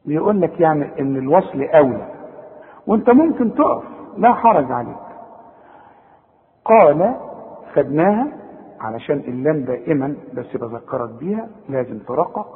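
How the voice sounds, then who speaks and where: A man with an Egyptian Arabic accent teaching Quran recitation, explaining rules in everyday talk and breaking into slow, drawn-out chanted recitation. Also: a little high, sing-song. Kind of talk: recorded lesson with recitation. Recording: tinny phone-like sound with long reverb.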